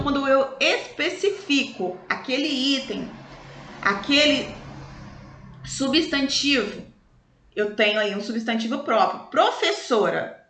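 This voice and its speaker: Woman, Brazilian Portuguese accent, primary school teacher, high voice, sing-song explaining, echoey room. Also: sharp tone. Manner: slow, sing-song explanations with stretched words. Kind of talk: recorded review lesson for children.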